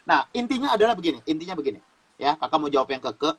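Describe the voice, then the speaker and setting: A man's voice: on the high side, very animated, fast talker, a little hiss or hum, poor audio. A man from Sumatra teaching in a casual talk show, explaining like a preacher, repeating phrases and laughing as he goes. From Sumatra, Indonesia. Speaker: guest youth speaker.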